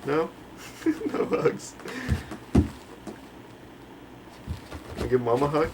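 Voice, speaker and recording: A father coaxing a small child in a soft voice, captured on hissy old camcorder audio. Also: fairly high pitch, wildly swooping pitch, drawn-out words. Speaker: father filming family at home. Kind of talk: casual home video chat.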